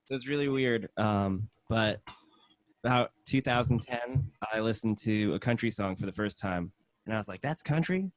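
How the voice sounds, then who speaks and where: A man's voice: fairly low pitch, normal speed. A man from Hong Kong, a country singer, answering interview questions casually with fillers.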